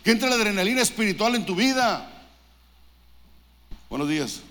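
A man's voice: high voice, animated, moderate pace, a bit bright, in a large hall. A man preaching a sermon as pastor, fervent and exhorting, throwing questions to the congregation. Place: church.

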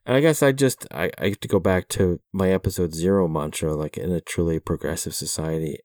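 Podcast co-host, middle-aged man, low-pitched, wry and chuckly, stop-start phrasing, dry studio mic. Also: a little fast, darkish tone, dry recording. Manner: chuckling, hesitant restarts, wry. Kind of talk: casual chat about a film.

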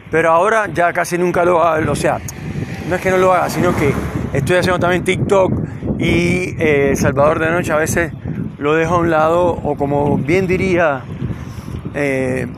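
A man's voice: on the high side, noisy background. A man from Cuba hosting his own podcast, improvising a loose, rambling monologue while walking outdoors on a city street. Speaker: podcast host. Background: passing cars.

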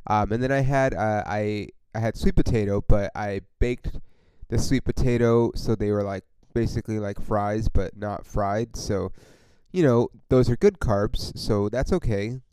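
A man's voice: lowish voice, unhurried, mellow, clear, resonant tone, dry recording, low-quality recording. A man hosting a casual solo sports podcast, rambling and swearing with lots of fillers as a frustrated fan. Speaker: podcast host.

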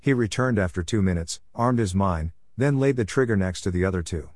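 A man reading a war story aloud as a narrator, in a measured, steady storytelling manner. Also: low voice, dry recording, studio quality. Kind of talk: scripted audiobook narration.

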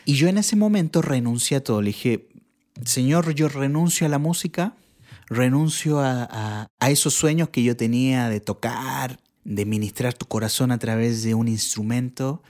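A man from Chile, a church bass player, telling his testimony in a relaxed chat and acting out the people he quotes. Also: normal speed. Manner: animated, acts out the people he quotes. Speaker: guest sharing his testimony. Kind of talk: casual storytelling.

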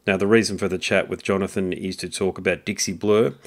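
A man's voice: deep voice, steady tone, fairly quick. A man introducing a podcast episode as its host.

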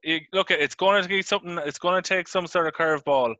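A man's voice: high voice, fast talker, sharp tone, no echo, muffled recording. A man with an Irish accent hosting a casual sports chat podcast. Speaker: podcast host.

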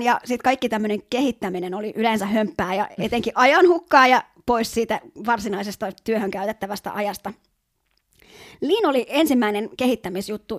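Slightly high-voiced woman telling anecdotes. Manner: storytelling, with fillers and small restarts. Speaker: podcast co-host. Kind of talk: casual conversational podcast.

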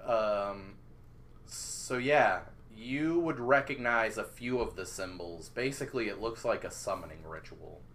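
Slow, low-voiced male game master. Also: fairly bright tone, slight background noise. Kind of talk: narrating a tabletop game.

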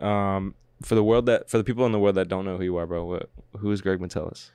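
Young guy hosting his podcast, talks fast, kinda low voice, chill and swears a lot. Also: little pitch movement, darkish tone, clean tone, dry recording. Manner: laid-back, swears often, quick to laugh. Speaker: podcast host. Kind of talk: casual podcast chat.

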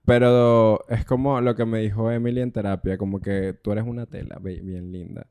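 A man's voice: lowish voice, level tone, normal speed, warm tone, smooth. A man with a Venezuelan accent co-hosting a casual podcast, playful and campy. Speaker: podcast co-host. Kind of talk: casual chat.

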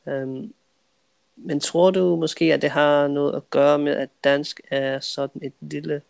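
A man hosting a language-learning podcast, talking in a relaxed way and recapping the talk in English. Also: a little high, vocal fry, smooth, no room sound. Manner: even-toned, recaps in English. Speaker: podcast host and translator.

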